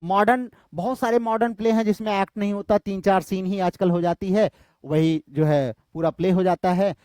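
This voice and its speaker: A man's voice: sits high, steady tone, normal speed, mellow, smooth, no room sound. A male literature teacher giving an exam-prep lecture in Hinglish, often asking a question and then answering it himself. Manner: repetitive quizzing, asks and answers own questions.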